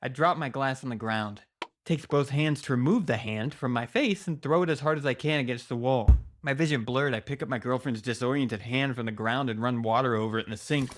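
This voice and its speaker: A man giving a dramatic, scripted first-person narration of a horror story, with deliberate pauses. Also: mid-range voice, a little hiss or hum. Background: music.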